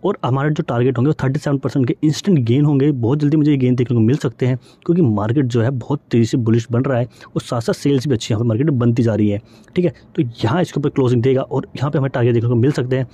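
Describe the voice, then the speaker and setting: A man giving a brisk stock-chart walkthrough, often saying "theek hai" and mixing English terms into his speech. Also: mid-range voice, dark tone, husky. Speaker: stock market educator. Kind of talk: fast screen-share chart walkthrough.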